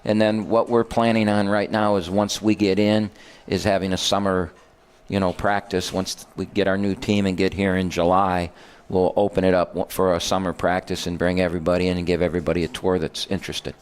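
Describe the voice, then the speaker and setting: Deep-voiced and fairly quick, this older man barely moves his pitch as he tells meandering, self-correcting stories. He's a basketball head coach chatting casually on a radio show, and there's slight background noise.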